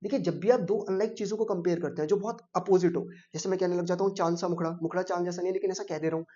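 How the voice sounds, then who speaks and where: A man's voice: sits high, steady tone, racing, mellow, lo-fi sound. A man teaching an exam-prep English lesson, mixing in English terms and quizzing students with rhetorical questions.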